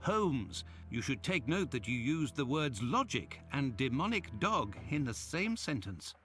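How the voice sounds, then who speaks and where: An actor playing Doctor Watson, a courteous, sceptical gentleman in a video game, with a formal, wry manner. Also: mid-range voice, big pitch swings, unhurried. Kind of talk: video game cutscene acting. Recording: loud music under the voice. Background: music.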